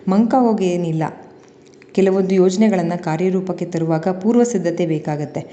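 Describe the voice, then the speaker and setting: A woman's voice: on the low side, normal speed, mellow, highs cut off, close to an everyday voice. A woman voicing a stern older male village head and father, speaking curtly and commandingly. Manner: curt and commanding. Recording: long reverb.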